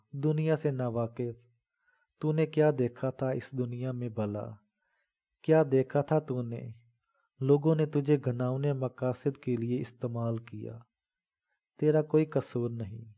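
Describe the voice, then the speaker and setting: A man's voice: medium pitch, dark tone, close to an everyday voice. Man voicing an old mother, fierce. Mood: tender pleading. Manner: fervent, scolding, protective. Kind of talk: dramatic audiobook reading.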